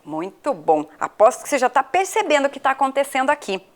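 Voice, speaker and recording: A woman's voice: high-pitched, sing-song, fast talker. A woman from Brazil, a primary school teacher, giving a patient video lesson to children and asking them questions. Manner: patient, questioning the pupils, spells out letters.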